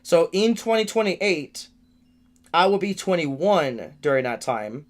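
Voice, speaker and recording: A nineteen-year-old man, on the high side in pitch, speaks slowly in a sing-song way during a rambling livestream update. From a room in his family home he vents his frustration, often restarting and repeating words.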